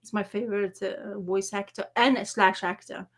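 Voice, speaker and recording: A woman co-hosting a casual chat show, talking in an animated way that trails off and restarts mid-sentence. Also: medium pitch, moderate pace. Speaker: podcast co-host.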